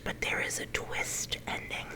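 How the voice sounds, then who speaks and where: A middle-aged woman leaning in to whisper a casual, unhurried ASMR chat, her whisper a little growly at times. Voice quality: whisper that turns slightly growly. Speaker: ASMR video creator.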